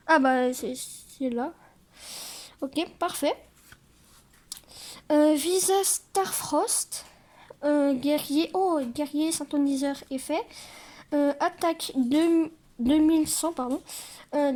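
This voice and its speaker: Woman, high voice, mellow tone, hesitant card reading, casual commentary. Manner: hesitant, many filler sounds while reading; excitable little exclamations. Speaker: card game video host. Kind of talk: casual commentary while reading cards aloud.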